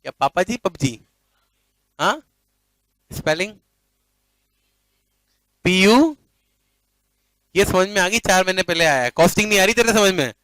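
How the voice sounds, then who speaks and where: A man's voice: high-pitched, very animated, a little slow, pauses often, a bit bright, dry recording, rough recording. A male commerce teacher lecturing a class playfully, often checking that students follow and mixing English phrases into his talk.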